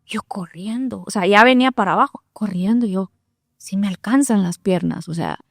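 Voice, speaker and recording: A woman, telling her testimony in an animated, conversational way and acting out her own thoughts. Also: mid-range voice, moderate pace, gravelly, no room sound, clean studio sound. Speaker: guest sharing testimony.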